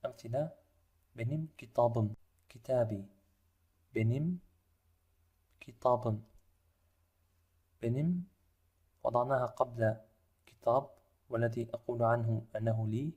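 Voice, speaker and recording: A man of ordinary pitch gives a language lesson in a methodical, step-by-step way. He slows right down whenever he spells out an example phrase. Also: mellow, breathy edge. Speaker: language teacher.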